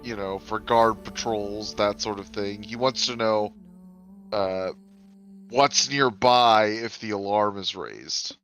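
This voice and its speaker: Male tabletop player, chatty and self-correcting, slow with a bright tone, quiet music underneath. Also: lowish voice. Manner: chatty, self-correcting, explains his moves. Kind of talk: tabletop game play.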